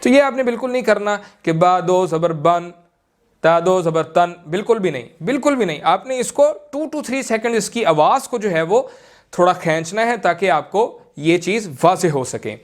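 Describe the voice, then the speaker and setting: A man teaching Quran reading in a slow, deliberate way, drawing out syllables and using many fillers. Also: high voice, lively intonation. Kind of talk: slow recorded lesson.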